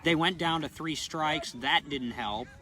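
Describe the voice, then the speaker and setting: A man's voice: fairly high pitch, measured pace. Chatty man calling a ballgame outdoors. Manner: chatty, counts scores aloud. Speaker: play-by-play commentator. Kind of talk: casual sports commentary. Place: outdoors at a ballfield. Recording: crowd noise behind. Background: crowd.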